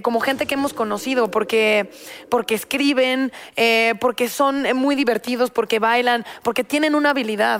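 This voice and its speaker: A woman with a Mexican accent co-hosting a talk show, chatting candidly and mocking herself. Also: on the high side. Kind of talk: casual chat.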